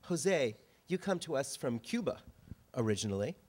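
A man's voice: mid-range voice, big pitch swings, moderate pace, a little mellow, breathy edge. A man from Canada moderates a panel of writers. He speaks articulately, with an occasional repeated word. His voice comes through a handheld microphone in a large auditorium. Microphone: handheld mic.

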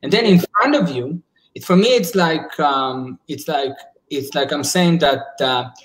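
A man's voice: a little high, unhurried, slight background noise, rough recording. A man in his forties, a psychologist, talking earnestly on a video call, often restarting his sentences as he searches for words. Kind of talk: casual video call discussion. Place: indoors at home. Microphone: laptop webcam on a video call.

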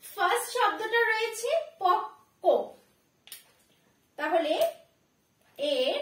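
Slow, high-voiced woman teaching spelling. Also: expressive, fairly bright tone, roomy sound. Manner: patient, slow, repeats each sound and checks understanding. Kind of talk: spelling lesson at a whiteboard.

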